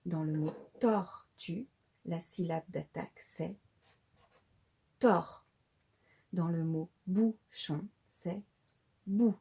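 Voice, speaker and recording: Preschool teacher, woman, slow and deliberate, husky mellow voice. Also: on the low side. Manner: slow and deliberate, spelling out syllables. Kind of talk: slow instructional explanation for parents.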